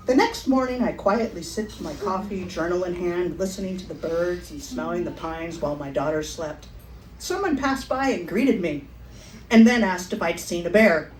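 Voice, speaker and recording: A woman's voice: medium pitch, roomy sound, recorded from a distance, a little hiss or hum, rough recording. Wry woman telling a memoir on stage. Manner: wry, animated delivery to a laughing audience. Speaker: storyteller. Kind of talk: live memoir storytelling. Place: stage at a live storytelling event.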